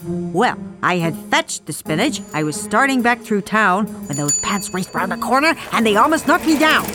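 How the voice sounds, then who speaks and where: A woman reading a rhyming children's story aloud, shifting from hushed lines to shrieking ones. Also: mid-range voice, expressive, normal speed. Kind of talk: dramatic storybook read-aloud. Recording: music playing behind the voice.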